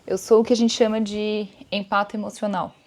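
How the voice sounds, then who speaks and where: A woman's voice: medium pitch, flat delivery, fairly quick, a little mellow. A woman from Brazil hosting her own podcast, talking casually and reflectively to her listeners and acting out bits of inner dialogue. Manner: chatty and reflective, calls listeners "gente", acts out inner dialogue. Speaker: podcast host. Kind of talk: casual solo podcast talk.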